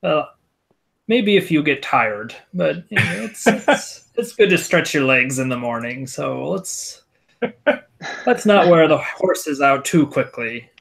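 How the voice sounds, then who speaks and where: Weary older wagon driver with a gravelly voice, patient and mildly reluctant, played by a man. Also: fairly high pitch, lively intonation, slow pace, a bit bright, full character voice.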